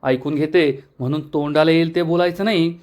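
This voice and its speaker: A man voicing a proud, quick-tempered young wife who answers back curtly. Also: a little high, steady tone, darkish tone, lightly acted. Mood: defiant. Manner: curt, defiant.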